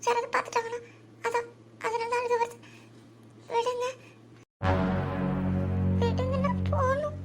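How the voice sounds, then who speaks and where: A woman's voice: extremely high pitch, steady tone, a little slow, pauses often, over loud music. A woman voicing a shy, frightened young woman in a cartoon, nervous and pleading. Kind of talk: cartoon voice acting.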